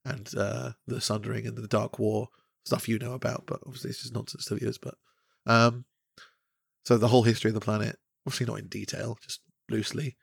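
A man's voice: fairly low pitch, little pitch movement, fairly quick, gravelly, breathy edge, no room sound, clean studio sound. A man co-hosting a podcast, talking casually about the world he runs his tabletop game in, rambling and jokey with lots of fillers. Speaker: podcast co-host and game master.

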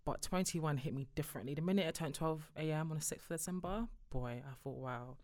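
A woman's voice: low-pitched, a little fast, a little mellow. A woman, reflecting in a casual chat with friends and laughing often. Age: 20s.

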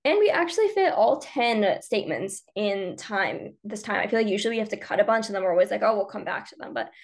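A woman's voice: medium pitch, animated, quick pace. A young woman co-hosting a podcast, chatting casually with many fillers. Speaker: podcast co-host. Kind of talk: casual debate chat.

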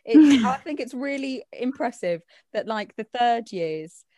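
A nineteen-year-old woman in a relaxed chat, her talk full of fillers and quick laughs. The recording is dry and close, with no room sound. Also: fairly high pitch, no room sound. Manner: chatty, laughs often, many fillers. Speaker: co-host. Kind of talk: casual chat.

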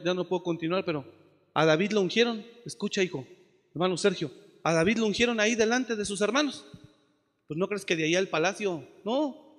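A man preaching a passionate sermon as pastor, swinging from shouts to soft asides. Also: sits high, big-room sound.

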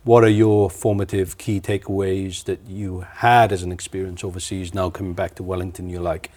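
A man's voice: sits low, level tone, moderate pace, darkish tone. A man with a Welsh accent, hosting a casual conversational podcast and telling chatty stories. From Wales. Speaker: podcast host.

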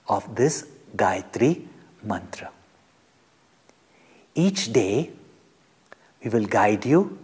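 Man, spiritual teacher, guided meditation, very unhurried, husky breathy phrase endings, emphatic pauses, long hall reverb. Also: mid-range voice, a little mellow.

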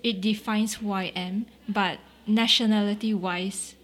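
Singaporean woman casual chat, mid pitch, laid back, lots of right?. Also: a little slow. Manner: relaxed, agreeable, with many "right?" tags and "mm-hmm". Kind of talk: casual conversation.

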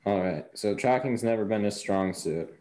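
A man's voice: lowish voice, normal speed, mellow. A man running a tabletop game podcast as game master, teasing his players in casual chat.

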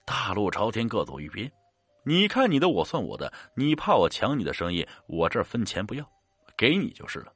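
A composed elderly fortune-teller in a spoken ghost story, put on by a male narrator. He talks in an unhurried, husky voice that ranges widely in pitch. The sound is dry and close. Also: very animated, a bit bright, no echo, faint music behind, full character voice. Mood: measured.

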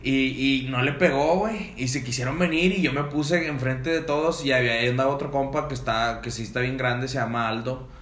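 A podcast host tells friends a funny party story, animatedly acting out the voices in it and using heavy slang. His medium-pitched voice moves fairly quickly with few pauses, in an echoey room.

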